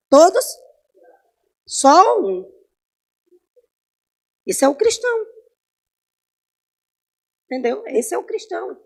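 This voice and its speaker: A woman teaching an informal Bible class in church. She tells personal stories, asks the class questions and swings between loud and soft. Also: high voice. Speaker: Sunday school Bible teacher.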